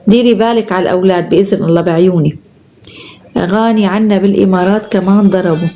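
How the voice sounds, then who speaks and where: A woman's voice: medium pitch, steady tone, rapid-fire, warm tone. A woman with a Syrian Arabic accent hosting a live stream, chatting casually as she reads out viewer comments and showers them with endearments.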